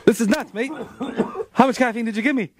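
A man's voice: very high-pitched, fast, dry recording, voice pushed up. A man putting on an exaggerated, cheeky English bloke with a slurred, punch-drunk delivery in a radio studio. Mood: wired. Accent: mock British.

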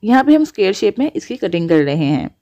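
A woman's voice: mid-range voice, very animated, quick pace, dark tone, dull audio. A woman hosting a cooking channel, explaining each step of a recipe to viewers. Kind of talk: voice-over recipe instruction.

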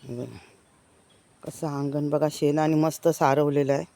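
A woman's voice: deep voice, fairly even intonation, measured pace, vocal fry, mellow, no echo. Eager woman giving a village walking tour. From Konkan, India. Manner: enthusiastic, keeps urging viewers to look. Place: outdoors in a village, walking between houses. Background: birds chirping.

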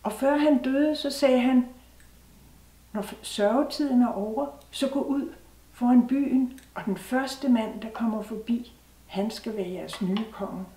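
Jubilant town crowd shouting a welcome, voiced by a woman storyteller, distant echoey mic. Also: a little high, voice pushed up, natural voice. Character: cheering crowd of townspeople. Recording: roomy sound from a distant mic.

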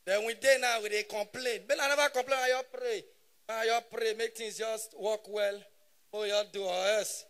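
At a normal speed and with a very high voice, a man in his thirties does animated stand-up comedy. His accent is Nigerian Pidgin English, and he bellows his punchlines.

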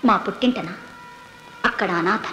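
A young actress playing a weary, bitter second wife giving quiet, resigned answers in court. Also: female voice, medium pitch, normal speed, lightly acted. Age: young adult. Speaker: witness in court. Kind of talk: 1970s Telugu film acting. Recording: echoey old film soundtrack with music.

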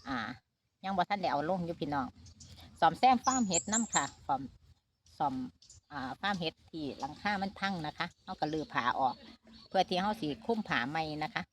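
A woman's voice: fairly low pitch, a little fast, slight background noise. A middle-aged woman with an Isan Thai accent, chatting casually to her viewers in a family vlog update, filming on a phone outdoors at a shaded farm. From Northeast Thailand. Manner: chatty, talks straight to viewers with many fillers. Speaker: vlogger mother. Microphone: handheld phone camera.

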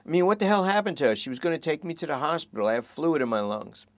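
A man voicing a self-pitying junkie thief who pleads and rambles under police questioning, in a noticeably higher voice than his own narration. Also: very animated, fast, dry recording. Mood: pleading. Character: whiny petty-thief junkie man in custody.

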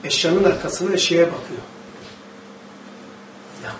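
Man, Turkish accent, religious teacher, impassioned sermon, high voice, distant mic, echoey hall. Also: unhurried, a little hiss or hum. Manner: impassioned, rising to high emphatic bursts; quotes Arabic verses, asks the audience questions. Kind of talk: Quranic study sermon. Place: mosque or study hall.

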